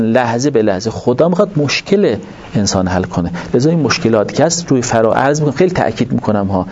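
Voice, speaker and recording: A man giving a religious lecture to an audience, explaining points in an animated way and asking rhetorical questions. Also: fairly high pitch. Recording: dull lo-fi recording with faint noise.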